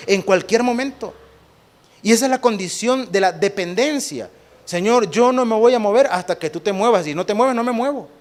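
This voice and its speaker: A Salvadoran-accented male pastor delivering a lively sermon in a fairly high voice. He fires rhetorical questions at the congregation and slips into different voices to act out little exchanges. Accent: Salvadoran Spanish.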